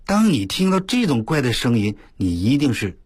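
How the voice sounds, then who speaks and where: An older man on the radio telling a story in a folksy, animated way, full of exclamations and drawn-out emphasis. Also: medium pitch, breathy edge, no echo, clean studio sound. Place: radio studio.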